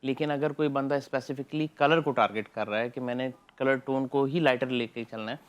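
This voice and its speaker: A man with a Pakistani accent speaks as a doctor guest in a television studio. He explains at length in a measured, steady manner and slips English phrases into his talk, at an ordinary middle pitch. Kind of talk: explanatory TV interview.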